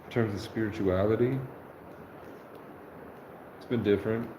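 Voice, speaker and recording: At a measured pace and with fairly even intonation, a man in his twenties with a fairly low voice rambles on a livestream. He's earnest and meandering, often going back to correct himself, in an echoey room with faint noise.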